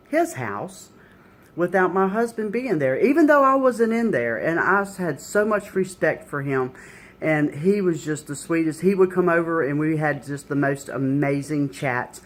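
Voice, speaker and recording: A woman's voice: low voice, a little slow. A middle-aged woman, sharing a personal faith testimony in an earnest, conversational way, full of "you know"s.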